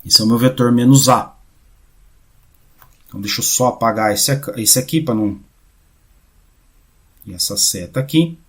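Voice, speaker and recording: A man giving a casual math lecture, often checking in with his students and restarting phrases, going quieter while he draws. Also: medium pitch, normal speed, pauses often. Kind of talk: informal recorded lecture.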